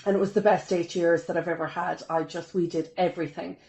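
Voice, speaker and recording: Speaking briskly in a warm, lowish voice with fairly even intonation, a woman from Ireland in her 40s recounts her life as a guest on a podcast. It's casual interview storytelling, chatty and upbeat, laced with self-deprecating humour, though the audio quality is poor.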